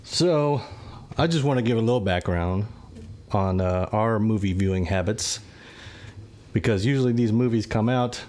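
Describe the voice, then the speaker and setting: A man's voice: lowish voice, moderate pace, darkish tone. A man hosting a casual movie review podcast, talking in an easygoing, rambling way with plenty of fillers. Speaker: podcast host.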